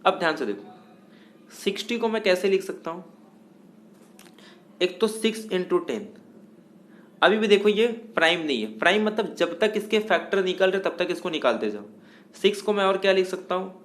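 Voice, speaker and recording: A man's voice: sits high, animated, moderate pace, long pauses, fairly bright tone. A male math teacher, giving a lecture in a step-by-step way, asking questions and answering them himself. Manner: explains step by step, asks and answers own questions; mixes English math terms into Hindi. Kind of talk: classroom lecture.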